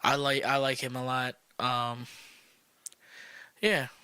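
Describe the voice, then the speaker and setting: A man's voice: medium pitch, little pitch movement, slow, sharp tone, clear, resonant tone, dry recording. A man co-hosting a casual sports podcast, laid-back and skeptical, talking loosely with plenty of fillers. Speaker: podcast co-host.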